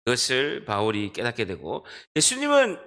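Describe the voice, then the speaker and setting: A man's voice: mid-range voice, huge pitch swings, normal speed, fairly bright tone. A middle-aged man from Busan, preaching a sermon as pastor with a Busan accent and emphatic delivery, guiding the congregation through the text. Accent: Busan dialect. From Busan, South Korea. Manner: emphatic preaching, directing the congregation to read and underline. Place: church sanctuary.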